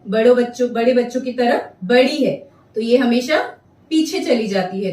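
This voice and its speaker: Echoey woman teacher, slow and clear. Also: fairly high pitch, a little mellow, far from the mic. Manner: slow, drawn-out sounding of syllables. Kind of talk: children's lesson.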